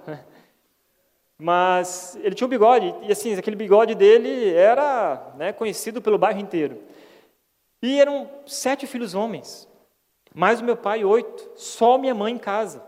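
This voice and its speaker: Here the pastor's high, somewhat mellow voice rings through a church hall with a long reverb. He has a Brazilian Portuguese accent and keeps his sermon chatty, sincere and homespun, regularly inviting the congregation to agree.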